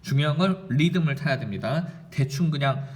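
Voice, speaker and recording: A middle-aged male high school science teacher lecturing at a whiteboard, chanting mnemonics in a rhythmic, sing-song way. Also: expressive, moderate pace.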